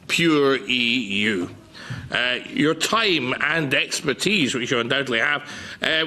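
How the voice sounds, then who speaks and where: An older man delivers an indignant, scornful political rant in a parliamentary debate, emphatic but halting in places. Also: fairly high pitch, sharp tone. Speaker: politician giving a speech in parliament.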